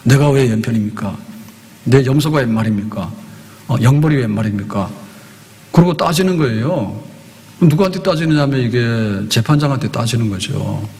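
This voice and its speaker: A middle-aged male pastor preaching a sermon, animated and conversational, acting out the voices in the stories he tells. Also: medium pitch. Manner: breaks into slow hymn singing. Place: church sanctuary. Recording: long church hall reverb.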